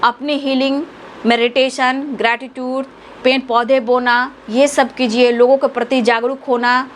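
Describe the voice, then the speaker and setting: A woman speaks as a tarot reader, voice sitting a little high. She talks earnestly, affectionately and a bit preachily, lecturing her listeners. A faint background noise stays under her voice. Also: flat delivery, unhurried. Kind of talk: spiritual guidance talk.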